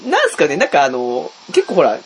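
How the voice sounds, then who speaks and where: A man co-hosting a podcast in casual chat, full of fillers and playful acted-out shouts. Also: on the high side, huge pitch swings, a little fast, breathy edge. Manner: chatty, many fillers, acts out shouts. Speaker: podcast co-host.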